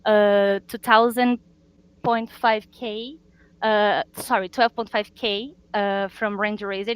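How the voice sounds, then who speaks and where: A woman from a marketing team presenting results on a video call, earnest and halting, with frequent fillers. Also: mid-range voice, low-quality recording. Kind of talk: business presentation.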